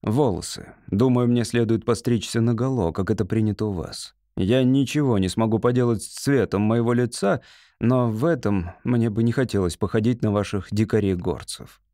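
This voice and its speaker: A man's voice: on the low side, dark tone, no echo, studio quality, natural voice. A man reading a cool, calculating defector officer. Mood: thoughtful. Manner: measured, thoughtful. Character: calculating human defector officer, male, adult, coolly thoughtful. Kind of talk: audiobook character voice.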